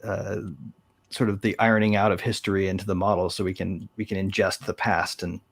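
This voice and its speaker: A man's voice: low-pitched, level tone, a little fast, husky. A man co-hosting a podcast, talking in a joking, loose, conversational way. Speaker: podcast co-host. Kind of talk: casual chat.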